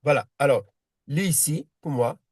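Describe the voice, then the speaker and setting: A man's voice: fairly high pitch, animated, normal speed, husky, no room sound, studio quality. A man teaching a one-on-one reading lesson, patient and repetitive, often restarting his sentences. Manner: patient, repeats himself, many restarts.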